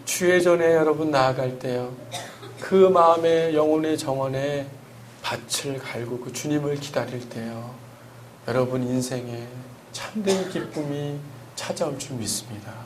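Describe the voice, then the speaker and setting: A man's voice: on the high side, unhurried, a little hiss or hum. Earnest man preaching a sermon. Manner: earnest, emphatic, asks rhetorical questions. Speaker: pastor.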